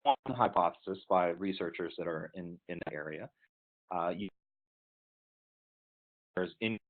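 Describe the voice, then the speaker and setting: A man giving an online lecture, halting with fillers, his voice cutting in and out over a bad internet connection. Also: low-pitched. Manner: halting, with fillers and broken-off words. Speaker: presenter. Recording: tinny, phone-like online call audio.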